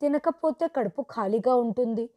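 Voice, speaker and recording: A woman voicing a gentle, worried mother who speaks softly and pleads with her daughter. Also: fairly high pitch, normal speed, no room sound, lo-fi sound, lightly acted. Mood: tender.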